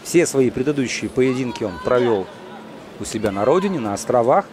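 A man giving live boxing commentary in measured, short phrases with pauses. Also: mid-range voice, expressive, a crowd in the background.

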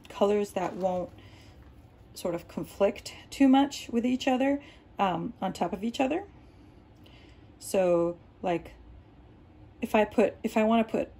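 A woman with a mid-range, darkish voice hosts a painting tutorial indoors in her home art studio, talking as she works. Arabic is her first language, and her explanations ramble with many ums and restarts. A little hiss or hum sits in the recording.

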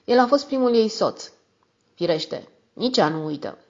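A woman's voice: fairly high pitch, animated, voice pushed up. Woman reading a shy scared young secretary, nervous, lo-fi. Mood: anxious. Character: timid frightened young secretary.

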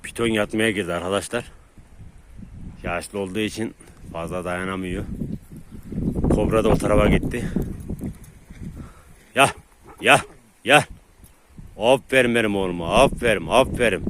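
A man filming his dogs outdoors, talking casually to his viewers and calming the dogs with repeated words. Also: lowish voice, moderate pace, pauses often, heavy background noise. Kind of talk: casual vlog commentary to viewers. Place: outdoors in a rural area.

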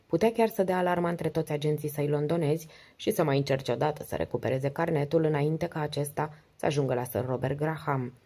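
A woman narrating an audiobook in a steady, measured way. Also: low-pitched.

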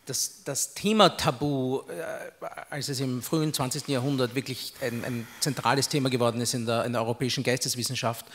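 A man's voice: medium pitch, steady tone, a little fast, few pauses, a bit bright, slight background noise. A man, an anthropologist, explaining in an academic, hesitant way with many fillers on a handheld mic in a large hall. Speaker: anthropologist guest. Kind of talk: panel discussion.

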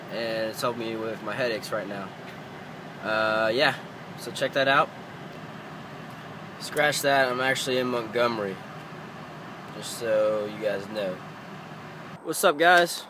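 Young male vlogger, unhurried and offhand, phone held at arm's length, faint noise behind. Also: medium pitch. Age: young adult. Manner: relaxed, slow and offhand. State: sick. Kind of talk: casual travel vlog. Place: car, campsite and tent.

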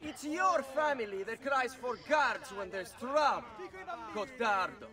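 A sneering young Italian noble in a video game, scornful and taunting. He speaks slowly in a very high, lively, bright voice, heard from some distance. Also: exaggerated voice. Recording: distant game audio with music.

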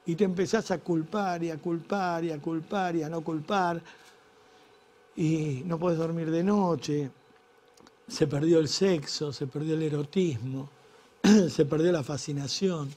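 A man's voice: on the high side, unhurried, mellow. A middle-aged man with an Argentine Rioplatense accent, telling a crude, exasperated stand-up comedy story. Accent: Argentine Rioplatense Spanish.

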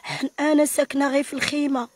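Moroccan woman pleading in a flat, high voice. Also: fast talker, dry recording. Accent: Moroccan Arabic. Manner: pleading, repeats blessings. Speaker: interviewee. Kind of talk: pleading appeal. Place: outdoor tent. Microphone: handheld mic.

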